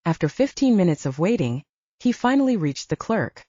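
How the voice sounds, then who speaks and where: A woman narrating a romance audiobook with expressive storytelling. Her voice is low, mellow and lively in its rise and fall. The recording is dry and slightly muffled. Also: normal speed, no room sound. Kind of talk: scripted narration.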